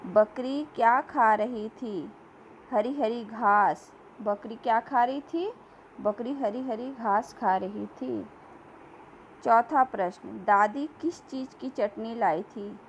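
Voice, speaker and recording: A woman teacher giving a slow classroom lesson, reading questions and answers aloud and repeating words for young pupils. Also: fairly high pitch, muffled recording, slight background noise.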